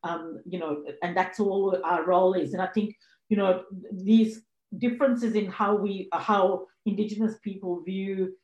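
A woman's voice: medium pitch, steady tone, unhurried, darkish tone, roomy sound, dull audio. A woman from Sri Lanka moderating a panel discussion, speaking hesitantly with many fillers and restarts.

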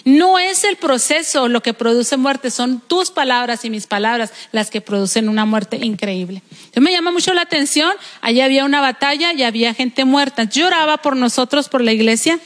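Female preacher, Mexican accent, high voice, a lively storyteller with reverb from the hall. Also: moderate pace. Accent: Mexican Spanish. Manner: storytelling, acts out quoted voices. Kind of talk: sermon. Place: church hall.

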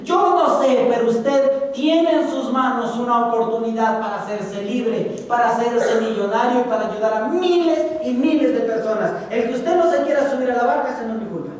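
A woman's voice: sits high, a little mellow. Preachy Mexican woman in an echoey hall. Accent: Mexican Spanish. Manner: preachy, storytelling, addresses the audience directly. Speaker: motivational business speaker. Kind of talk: motivational seminar talk. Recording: echoey hall from far off, faint ambience.

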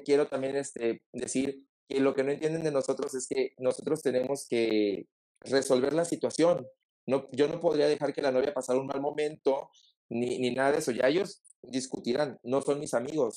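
A man's voice: mid-range voice, fairly even intonation, normal speed, mellow, rough recording. A man with a Mexican Spanish accent, a wedding planner guest chatting casually and telling anecdotes with many fillers. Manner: chatty storyteller with lots of fillers. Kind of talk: casual interview chat.

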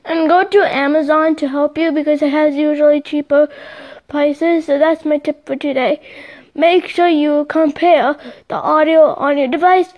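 A woman's voice: sits high, fairly even intonation, moderate pace, dull audio. A young woman hosting a casual solo podcast, chatting in a rambling way with lots of fillers, recorded on a phone mic. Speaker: podcast host. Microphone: phone microphone.

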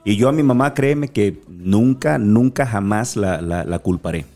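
A motivational speaker from Acapulco, Mexico, appears as an interview guest and tells his story, acting out the dialogue as he goes. He speaks Mexican Spanish with an Acapulco accent, at a moderate pace and a fairly low pitch, as an animated storyteller.

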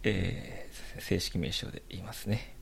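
A man's voice: deep voice, unhurried, gravelly, a bit bright, breathy edge. A young man with a Kansai accent, co-hosting a podcast in casual chat with dry, wry teasing. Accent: Kansai Japanese. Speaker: podcast co-host.

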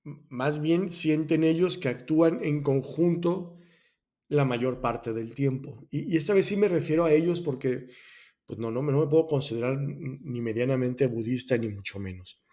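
The host of a personal growth podcast, a man with a warm, mid-range voice, speaks at normal speed while explaining Buddhist ideas. He is thoughtful and self-correcting, with many restarts and asides.

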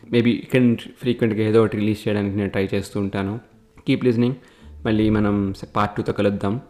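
A man's voice: lowish voice, level tone, fairly quick, warm tone. A man narrating a spoken story in a chatty manner, speaking straight to his listeners, recorded in an echoey room with faint guitar music.

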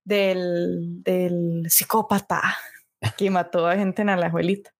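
Young Costa Rican woman, podcast co-host, lively storyteller. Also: lowish voice, slow. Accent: Costa Rican Spanish. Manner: animated storyteller, tag questions, laughs often. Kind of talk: casual storytelling chat.

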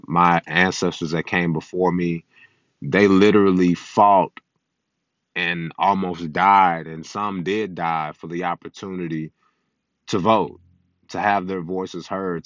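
A man's voice: sits low, a bit bright, no room sound. A man in his early twenties hosting a podcast, recorded on a phone instead of a microphone, talking in a blunt, profane, preachy way. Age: early 20s. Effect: recorded on a phone, not a microphone. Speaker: podcast host. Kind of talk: casual opinion monologue. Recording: dull lo-fi phone recording, dry.

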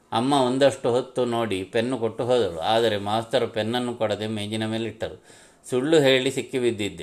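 Man reading a personal story aloud, low voice, reflective, heartfelt. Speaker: narrator. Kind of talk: first-person story narration.

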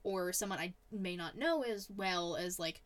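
A woman's voice: lowish voice, measured pace. Chatty, teasing woman podcast host. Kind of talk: casual podcast chat.

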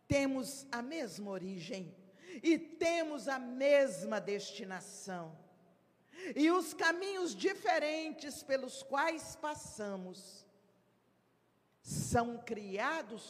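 A woman delivers a spiritist lecture with emphasis, slipping into short acted dialogues to make her points. She speaks slowly and deliberately. Her voice rings with the long reverb of a large hall. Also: on the high side. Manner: emphatic, acts out little dialogues.

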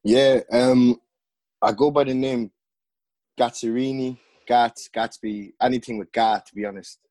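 A young Dutch man, a music artist appearing as a podcast guest, tells stories in relaxed, slangy casual chat packed with fillers. His mid-range voice is a little slow, with no room sound.

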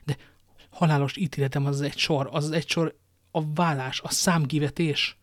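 A man's voice: a little high, fairly even intonation, no room sound, lightly acted. A man reading an audiobook, voicing a frightened young queen who pleads in breathless whispers, in a dry close recording. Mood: desperate.

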